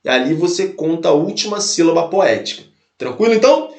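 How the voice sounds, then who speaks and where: A man's voice: a little high, expressive, fairly quick, a little mellow, echoey room. A man teaching an exam-prep lesson, explaining step by step, repeating his points and checking in with his students. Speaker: Portuguese teacher.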